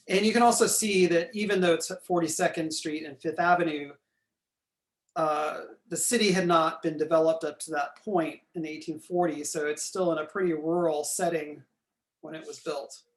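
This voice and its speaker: Losing his voice, a man lecturing on a recording points out map features, repeatedly clears his throat and says sorry for it. His pitch is fairly high.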